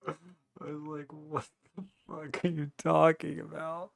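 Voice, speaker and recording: A man's voice: a little high, completely flat delivery, slow, gravelly. A man hosting a livestream in casual chat, laughing often and teasing bluntly. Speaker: livestream host.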